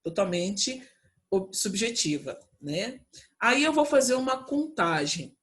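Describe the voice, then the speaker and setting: A Brazilian woman teacher talks her students through a lesson from her home. She explains patiently and step by step, often pausing to check that they follow. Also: mid-range voice, very animated, fairly bright tone. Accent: Brazilian Portuguese. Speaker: Portuguese teacher. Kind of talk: remote class from home.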